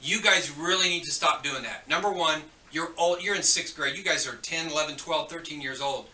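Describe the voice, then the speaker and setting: A man's voice: a little high, normal speed, sharp tone, echoey room, recorded from a distance. A man giving chatty, joking school morning announcements, turning stern when he scolds students, heard over the school intercom.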